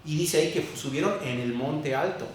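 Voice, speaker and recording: A man preaching an expository sermon, teaching carefully and repeating key words slowly. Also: fairly high pitch, slight background noise. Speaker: pastor. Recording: very echoey church room, distant mic.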